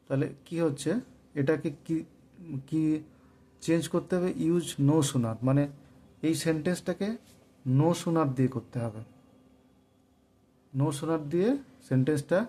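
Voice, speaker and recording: A man with a Bengali accent teaching English grammar, asking and answering his own questions and slowly dictating example sentences. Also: on the high side, warm tone. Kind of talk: grammar lesson explaining answers.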